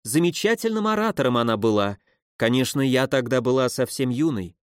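A man voicing a timid elderly spinster who speaks slowly and eagerly, gushing with politeness. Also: mid-range voice, animated, smooth, no echo, studio quality, natural voice.

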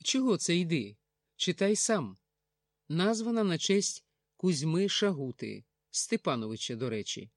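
A man's voice: a little high, big pitch swings, measured pace, no echo, studio quality, exaggerated voice. Give me a man reading as a hopeful, eager young mother.

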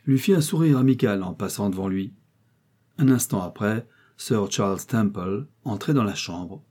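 A man narrating a classic novel in a calm, measured audiobook reading. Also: on the low side. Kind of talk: scripted literary narration.

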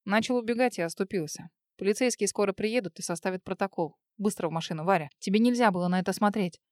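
A woman's voice: medium pitch, fast talker, darkish tone, no room sound, lightly acted. Brief: a woman playing a protective man, firm and urgent, with a close, dry tone. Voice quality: firm, commanding.

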